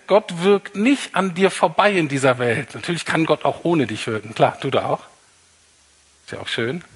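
A man's voice: a little high, fairly bright tone, breathy edge. A man preaching a sermon in a conversational way, repeating his key points for emphasis. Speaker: pastor.

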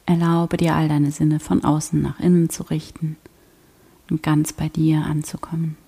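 A woman guiding a prayer meditation in a soft, slow, half-whispered voice. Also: deep voice, little pitch movement, gravelly, husky. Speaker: prayer guide.

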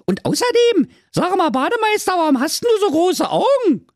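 A man's voice: wildly swooping pitch, normal speed, no echo, studio quality, exaggerated voice. A man voicing a gang of cheeky, foul-mouthed little goat kids. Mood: whiny. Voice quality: shrill put-on squeak.

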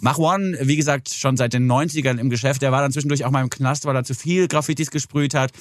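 A man in his forties co-hosting a casual music podcast, talking about songs at length with lively enthusiasm. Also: mid-range voice, fast talker, no room sound, studio quality. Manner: animated, enthusiastic, explains at length. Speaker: podcast co-host. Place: studio in a cellar.

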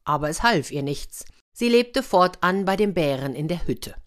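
A woman reading a fairy tale aloud for children, lively, with confiding asides to her young listeners. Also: lowish voice, moderate pace. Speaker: storyteller.

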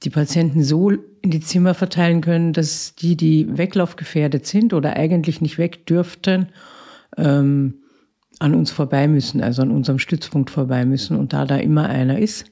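Gravelly-voiced woman in her fifties. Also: sits low, fairly even intonation, moderate pace, warm tone. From Austria. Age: 50s. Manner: matter-of-fact, with frequent hesitations. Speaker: head nurse of a psychiatric crisis ward. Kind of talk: casual interview answers.

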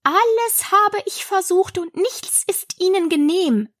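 A fretful mother pigeon, played by a woman reading a storybook, shrieks and scolds in a high, piercing voice. She sounds forever indignant and suspicious. The sound is close and dry. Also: expressive, unhurried, fairly bright tone, no room sound, exaggerated voice. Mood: lamenting. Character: shrill fretful female pigeon guarding eggs.

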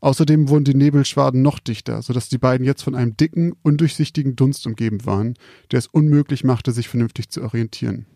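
A man calmly reading out a scripted spooky story in a measured, quiet storytelling manner. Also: mid-range voice, gravelly, dry recording, studio quality.

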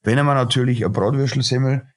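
A man's voice: medium pitch, fairly even intonation, fast talker. A middle-aged man, a chef and restaurateur ranting bluntly in a casual podcast interview, full of fillers and restarts. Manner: blunt, ranting, lots of filler sounds and repeated starts.

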